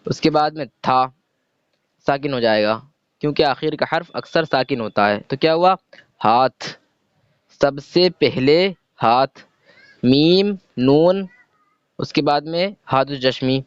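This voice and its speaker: A man's voice: medium pitch, long pauses, smooth, no room sound. A man teaching a reading lesson, patiently spelling out letters and sounds one by one and asking questions he answers himself. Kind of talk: slow step-by-step reading lesson. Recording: dull lo-fi sound.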